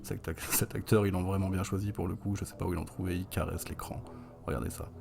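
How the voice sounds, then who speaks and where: A young man with a deep, gravelly voice walks through a horror film for a review. He talks in a chatty, wry way, full of fillers and little asides. His low voice has a rough texture. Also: steady tone, quick pace. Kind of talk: casual spoken film review.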